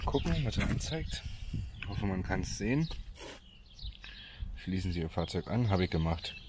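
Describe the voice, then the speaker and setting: A man's voice: deep voice, big pitch swings, unhurried. A man in his thirties casually vlogging outdoors at a car park charging station, filming himself with a phone held at arm's length and chattily explaining what he sees. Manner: chatty, explaining while walking around outdoors. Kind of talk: casual vlog narration. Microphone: phone camera at arm's length. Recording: loud outdoor background noise.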